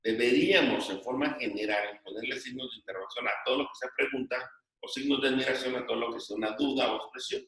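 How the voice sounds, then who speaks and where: A man's voice: medium pitch, a bit bright. Man teaching in an echoey classroom. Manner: dictating slowly, repeats phrases. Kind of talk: classroom lesson. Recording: echoey room, voice from a distance.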